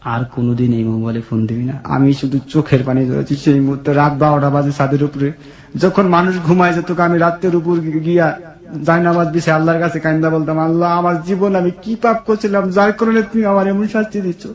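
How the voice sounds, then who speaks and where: Speaking as a guest in a room with noticeable echo, this man recounts his life in earnest, plaintive confession. His pitch is fairly high, his delivery flat and a little fast, and his accent is colloquial regional Bangladeshi.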